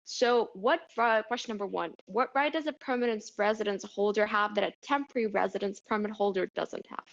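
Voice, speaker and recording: A woman's voice: mid-range voice, brisk, vocal fry. A woman casually moderating an audience question session, on dull lo-fi audio.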